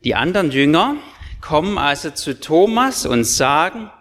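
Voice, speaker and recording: A man's voice: on the high side, very animated, moderate pace, fairly bright tone. A male pastor preaching a sermon to confirmands, earnest and emphatic, speaking directly to his listeners. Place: church. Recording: long church reverb.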